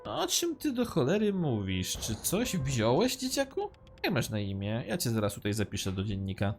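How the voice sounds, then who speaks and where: A man voicing a gruff, suspicious male school security guard who talks with scorn. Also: medium pitch, huge pitch swings, moderate pace, soft background music. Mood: scornful. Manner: scornful, barking.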